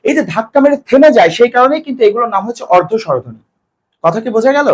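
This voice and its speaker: Very high-voiced and animated, a man runs an exam-prep grammar class. He breaks things down step by step, answers his own questions, and lingers slowly over example words.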